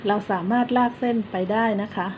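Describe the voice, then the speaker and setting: Patient woman teaching small children. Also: dull audio. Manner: patient, coaxing, repeats and spells words slowly for children. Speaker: kindergarten teacher. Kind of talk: online lesson for young children. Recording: steady background noise.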